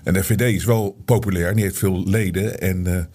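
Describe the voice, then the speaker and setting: A middle-aged man speaks to his audience in a loose, rambling monologue, stumbling over fillers and restarts before building into animated argument. His voice is husky and mellow, with a dark, soft tone. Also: deep voice, a little fast. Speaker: online show host. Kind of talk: casual monologue to viewers.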